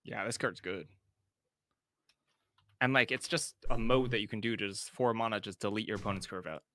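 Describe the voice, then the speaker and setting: A man's voice: fairly low pitch, bright, forceful tone. A man co-hosting a podcast, reading card text aloud and then giving casual verdicts. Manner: reads card text aloud then judges it, quick to laugh. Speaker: co-host of a card game podcast. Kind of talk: casual card review chat.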